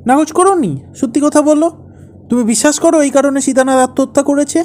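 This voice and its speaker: A man's voice: a little high, expressive, fast, dark tone. A man reading the part of a defensive, agitated writer husband in a Bengali play reading. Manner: heated, rising to agitated outbursts.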